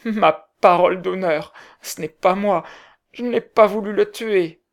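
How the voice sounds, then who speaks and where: A man's voice: unhurried, creaky. A man voicing a frightened drunk man who pleads his innocence through sobs. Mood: pleading. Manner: sobbing, high-pitched pleading.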